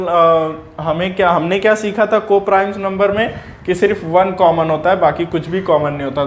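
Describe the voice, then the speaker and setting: Male math teacher, slightly high voice, patient repeated questions, roomy sound. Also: slight background noise. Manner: slow, repetitive, keeps asking and answering his own questions. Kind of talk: explaining a classroom lesson. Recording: echoey room.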